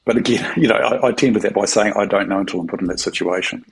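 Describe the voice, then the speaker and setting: A middle-aged man from New Zealand, a military chaplain, telling a story in a halting, filler-heavy conversational way with a New Zealand accent. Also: lowish voice, gravelly, slightly rough, rough recording. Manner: halting, many fillers and repeated words.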